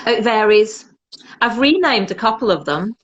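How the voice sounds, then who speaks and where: A woman's voice: on the high side, expressive, normal speed, lo-fi sound. A woman, a perfumer chatting as an interview guest in a self-mocking, jokey way. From Britain. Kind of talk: casual interview chat.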